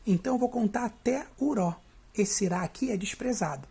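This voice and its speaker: Brief: Brazilian Portuguese teacher, gravelly and husky, explains step by step and keeps checking in. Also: medium pitch, moderate pace, warm tone. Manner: step-by-step, often checks in with the listener. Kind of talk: video lesson on poetry.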